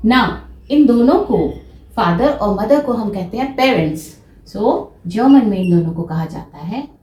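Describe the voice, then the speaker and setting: Woman, language teacher, very slow, deliberate, echoey room. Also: medium pitch, a little mellow. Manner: slow and drawn-out for German words, quick in Hindi explanations.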